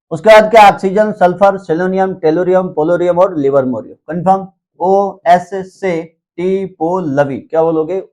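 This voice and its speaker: High-voiced man drilling chemistry mnemonics. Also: darkish tone. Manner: repeats rhetorical questions and drills mnemonics slowly; addresses students informally and reassuringly. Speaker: chemistry teacher. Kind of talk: classroom lecture with memory tricks.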